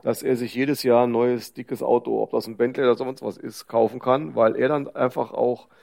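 A man co-hosting a podcast in casual conversation, talking in a measured, reflective way with many small hedges. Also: medium pitch, level tone, gravelly, darkish tone. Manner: measured, reflective, hedging with fillers. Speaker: podcast co-host.

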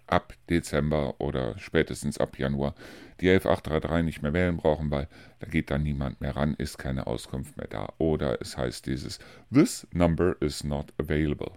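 A man's voice: rumbling low, moderate pace, vocal fry, darkish tone, clear, resonant tone, no room sound, clean studio sound. A man hosting his own radio show, chatting casually and rambling through the week's news. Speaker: radio host. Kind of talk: casual monologue.

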